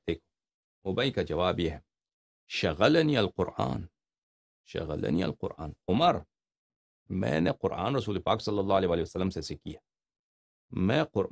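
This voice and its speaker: Male preacher, gravelly and animated, conversational sermon style. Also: lowish voice. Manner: explains Arabic hadith in Urdu, animated, rhetorical questions. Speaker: religious preacher. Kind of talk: informal religious lecture.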